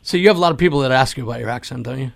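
Male host, fast talk, gravelly, teasing, joking questions. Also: mid-range voice. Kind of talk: casual interview chat.

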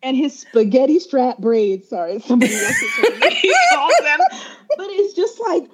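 A woman's voice: sits high, big pitch swings, normal speed, a little hiss or hum. A woman co-hosting a podcast in casual chat, retelling stories and quoting people as she goes. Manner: chatty, retells stories with quoted voices. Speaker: podcast co-host. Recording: dull lo-fi sound.

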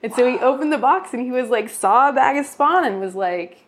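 A woman's voice: sits high, expressive, brisk. A young woman who grows mushrooms, telling a story in casual chat and acting out quoted exchanges, with some swearing. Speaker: mushroom grower, guest.

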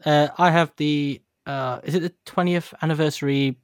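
A man chatting casually on a podcast, animated, jokey and nostalgic. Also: fairly high pitch, normal speed, smooth, dry recording, studio quality. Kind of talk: casual chat about collectible toys.

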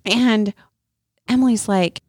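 Animated woman storyteller, dry close sound. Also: mid-range voice, takes it slowly, breathy edge, no echo. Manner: animated, acts out family members' voices in her retelling. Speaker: podcast co-host. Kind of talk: casual storytelling chat.

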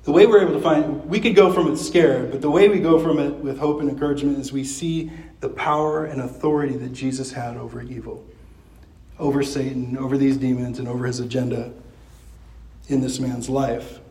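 A man's voice: mid-range voice, steady tone, brisk, darkish tone, echoey room, low-quality recording. A man preaching a sermon as pastor, talking in a loose, conversational way with many fillers and restarts.

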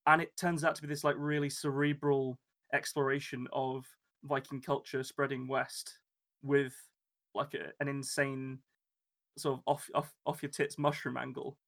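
A man co-hosting a podcast, chatting casually and halting often, with many restarts and filler words. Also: mid-range voice, flat delivery, fairly bright tone. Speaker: podcast co-host. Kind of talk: casual chat.

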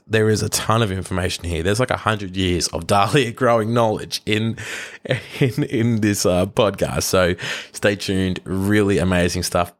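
A man hosting a podcast in an easy, rambling way. His voice sits a bit low, and he talks in loose, chatty sentences full of ums and restarts. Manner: relaxed, rambling, with fillers and restarts. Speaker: podcast host. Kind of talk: casual podcast chat.

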